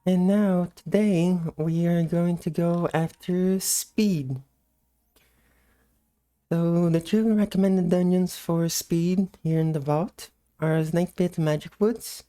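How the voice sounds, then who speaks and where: A woman giving casual, unhurried gameplay commentary in a sleepy, just-woke-up morning voice. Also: fairly low pitch, fairly even intonation, warm tone. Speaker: gameplay host.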